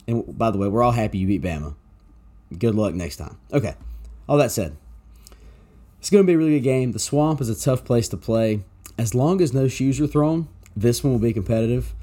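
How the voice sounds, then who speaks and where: A man's voice: medium pitch, warm tone. A man co-hosting a sports podcast, giving casual, wry, conversational game analysis.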